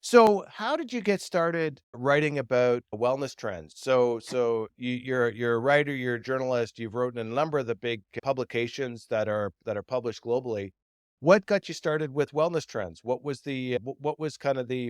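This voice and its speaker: Brief: male podcast host, mid-pitched, dry close sound, rambling questions. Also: moderate pace, smooth, no echo. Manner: repeats words, rambling questions. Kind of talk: interview.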